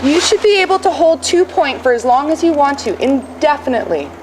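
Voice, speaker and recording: A woman riding instructor with a high voice gives brisk, projected commands in a live lesson. She is directive and corrective, explaining briefly as she goes, over clearly noisy ambience. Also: big pitch swings, a little mellow.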